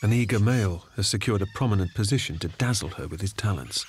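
A man reading scripted nature documentary narration in a measured storytelling manner. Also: lowish voice, background noise. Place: studio voice-over. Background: background music.

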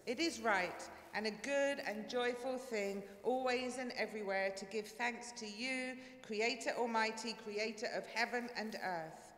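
A woman pastor leading a communion prayer in a measured, solemn way, her voice ringing with cathedral echo. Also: a little high, a bit bright. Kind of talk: liturgical prayer. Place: large church sanctuary. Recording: echoey church hall, faint ambience.

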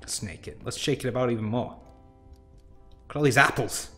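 A man rambles through a casual let's-play of indie games at a mid pitch. He is chatty and quick to poke fun at himself. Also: fairly even intonation, bright, forceful tone, soft background music. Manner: chatty, rambling, self-deprecating. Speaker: game showcase host.

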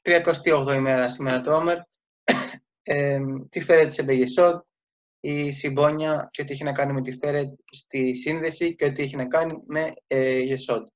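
Halting man telling a story, lo-fi. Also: a little high, fairly even intonation. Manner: halting, with many fillers and restarts. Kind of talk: casual spoken storytelling lesson. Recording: dull lo-fi sound.

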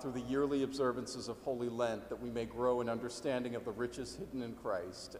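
A man leading a church liturgy as presiding priest, praying in a measured, formal way, with a cathedral echo around his voice. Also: mid-range voice, a little hiss or hum. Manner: measured, formal prayer delivery. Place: large church interior. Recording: echoey church hall, faint ambience.

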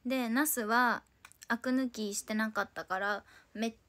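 A woman's voice: fairly high pitch, steady tone, a little slow, sharp tone. A woman in her twenties from Tokyo, hosting a casual solo livestream and chatting playfully in answer to viewer comments. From Tokyo, Japan. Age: 20s. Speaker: idol livestream host.

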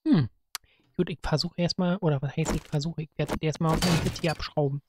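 A woman chats her way through a zombie game, giggling and taunting the monsters. Her voice sits a little low for a woman. Clear background noise runs under the recording. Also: fairly even intonation, brisk. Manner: chatty, giggly, talks to the zombies, bursts into sing-song rhymes. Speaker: let's play gamer. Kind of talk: casual gameplay commentary.

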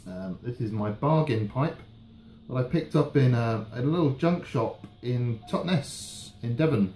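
A British man in his thirties chatting casually and haltingly in a relaxed, rambling review, often trailing off. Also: mid-range voice. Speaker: pipe tobacco reviewer. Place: indoors, small room at home. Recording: roomy echo, faint background noise.

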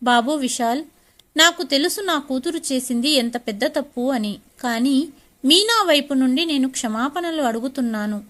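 A woman's voice: sits high, animated, normal speed, fairly bright tone. A woman voicing a stern but caring older father in a storybook reading.

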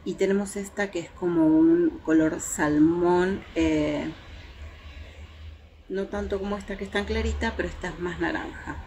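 Woman doing a makeup review out on her terrace, lowish gravelly voice, faint noise behind. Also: steady tone, measured pace, mellow. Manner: chatty, hesitant fillers, shows swatches to viewers. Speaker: beauty vlogger. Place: home terrace, outdoors in daylight.

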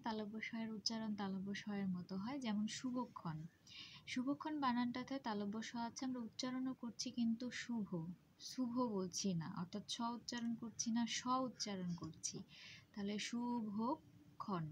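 A woman teacher giving a pronunciation lesson, speaking slowly and carefully and spelling out sounds and syllables. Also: on the high side, a little hiss or hum.

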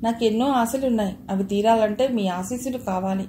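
Brief: a woman doing a cheeky young student sister in a storybook, earnest, mellow voice. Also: fairly high pitch, fairly quick, echoey room, a little hiss or hum, lightly acted. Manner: playful, earnest.

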